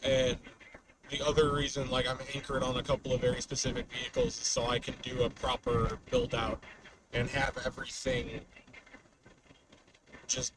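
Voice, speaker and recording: A man chats casually on a storm-chasing livestream while he drives, with noticeable noise around him. His pitch moves around a lot as he rambles and drops thoughts halfway. The microphone sits away from his mouth, so he sounds a bit distant inside the car. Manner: rambling, trailing off mid-thought. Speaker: storm chaser live streamer. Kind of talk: casual unscripted livestream chat while driving. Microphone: webcam microphone in car. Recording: noisy car, distant webcam mic.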